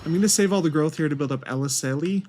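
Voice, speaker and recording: A man's voice: on the high side, quick pace, a little mellow, soft background music. A man thinks aloud in casual commentary as he plays a strategy game. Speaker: gaming video host.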